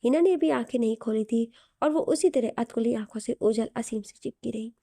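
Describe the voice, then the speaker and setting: A woman narrating a romantic audio story in a soft, even way. Her voice sits on the higher side and sounds mellow and warm. The recording is close and dry, with no room sound. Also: a little fast, creaky, no room sound.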